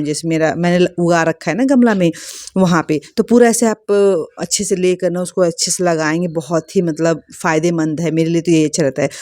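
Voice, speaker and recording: A woman's voice: lowish voice, warm tone, no room sound, studio quality. A woman vlogger chatting casually and rambling with many fillers, recorded outdoors on a rooftop. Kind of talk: casual family vlog chat.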